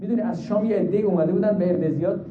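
A man delivers a religious sermon in a high, impassioned voice that swings between hushed and loud. The sound echoes as if he is in a large gathering hall. The audio is thin and phone-like, with faint noise behind it. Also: far from the mic. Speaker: preacher. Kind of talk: religious sermon with mourning narration.

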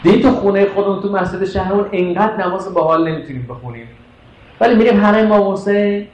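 A man's voice: high voice, a little mellow. A man preaching a sermon with passion, firing rhetorical questions at his listeners. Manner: impassioned, rhetorical questions to the audience. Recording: echoey muffled hall recording with faint noise.

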